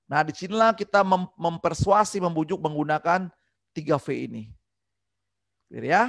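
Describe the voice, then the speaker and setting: A man's voice: on the high side, no room sound. Guy running an online sales training, upbeat, voicing customer lines, dry room. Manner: energetic, acts out customer replies. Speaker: business communication trainer.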